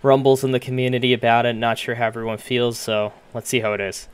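A young reaction streamer in a small room at home gives casual, sweary, off-the-cuff commentary, hesitant and informal, over game cutscene music. His medium-pitched voice keeps a level tone at a quick pace, with slight background noise.

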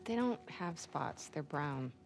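A woman's voice: low voice, lively intonation, slow pace, vocal fry, soft background music, exaggerated voice. A woman playing a tough, dry, skeptical young woman in video game dialogue. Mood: teasing, dismissive. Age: young adult.

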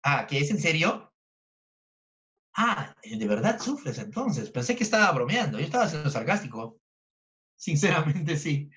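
A man's voice: very animated, unhurried, bright, forceful tone. Playful man tutoring chemistry. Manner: playful, teasing, jokey with students. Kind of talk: online review class. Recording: dull low-fidelity audio.

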